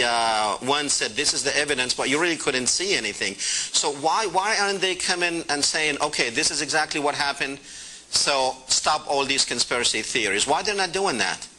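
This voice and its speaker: A male talk show host interviewing a guest, speaking haltingly with many filler sounds. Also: medium pitch, pushed and bright. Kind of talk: call-in TV interview.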